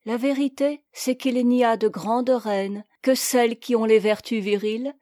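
A woman narrating a historical story in a measured, formal, literary manner. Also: on the high side, steady tone, warm tone, no echo, studio quality.

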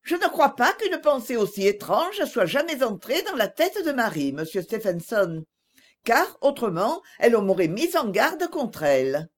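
A woman reading an audiobook voices a young woman who is gentle but firm and pleads earnestly. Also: fairly high pitch, very animated, a little slow. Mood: earnest pleading.

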